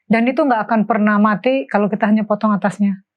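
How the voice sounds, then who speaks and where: A woman's voice: mid-range voice, fast talker. A woman in a casual Bible study discussion, explaining her point with homely, everyday examples. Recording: dull lo-fi sound.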